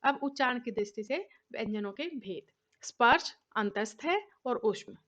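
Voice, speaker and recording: A woman's voice: on the high side, animated, normal speed, a bit bright. A woman teacher giving a recorded grammar lesson, patiently asking questions and answering them herself.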